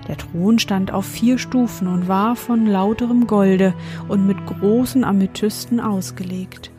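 A woman narrating a classic fairy tale as an audiobook, in a measured, expressive storytelling manner. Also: medium pitch, faint music behind.

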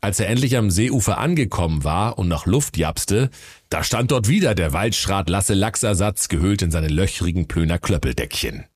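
A man with a deep, low voice tells a comic fairy tale. His delivery is dry and mock-solemn, like a mock bedtime story. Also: expressive, moderate pace.

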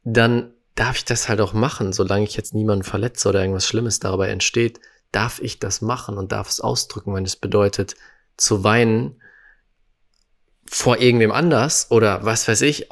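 Man, low voice, earnest reflective podcast co-host, emphatic. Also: steady tone, normal speed. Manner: earnest, emphatic, acts out quotes. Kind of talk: casual reflective conversation.

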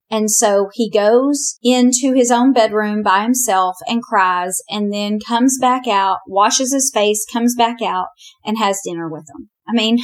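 A woman teaching a Bible lesson in a conversational, animated way. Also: fairly high pitch. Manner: chatty, animated, often says "you know".

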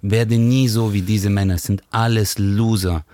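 A man's voice: fairly low pitch, fairly even intonation, normal speed, mellow, natural voice. A man putting on the voice of a proud, boastful male mentor who lectures a teenager, speaking emphatically. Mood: scornful, proud. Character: boastful male mentor, self-assured singer.

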